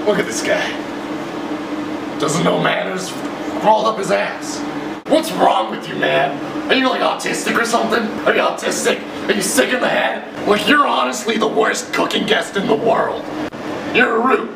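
A young man hosting an absurd comedy cooking sketch in a home kitchen, rambling and trading deadpan insults. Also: high-pitched, normal speed, vocal fry, far from the mic. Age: young adult. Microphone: camera mic. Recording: roomy, noisy home video audio.

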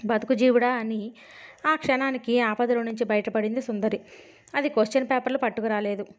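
A woman reading a novel aloud as an audiobook, shifting her voice a little for the characters' dialogue. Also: fairly high pitch. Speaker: audiobook narrator. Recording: dull lo-fi recording.

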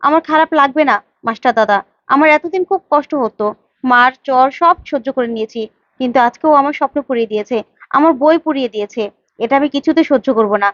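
A woman's voice: high voice, quick pace, no room sound, natural voice. A woman voicing a young wife who earnestly insists on justice, on a dull lo-fi recording. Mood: resolute. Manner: earnest, determined. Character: wronged young wife, resolute.

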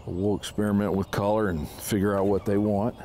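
Out on a lake in a small boat, a man in his fifties hosts a fishing show and talks through his methods in a relaxed, instructional way as he fishes. He speaks a little fast in a warm, lowish voice with little pitch movement, and there's slight background noise.

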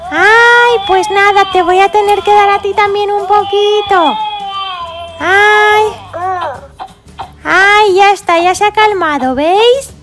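A woman doing a very high, slow little cartoon girl pig. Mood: doting. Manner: sing-song, fussing and doting, drawn-out words. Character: cheerful little girl pig caring for baby dolls.

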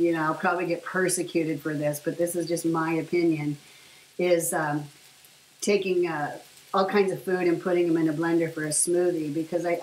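Cooking indoors at home, a chatty woman with a low-pitched voice rambles about her diet for her vlog, using many fillers. The camera rests on the counter a short way off, picking up the kitchen's echo, a faint hiss, and food sizzling in a pan.

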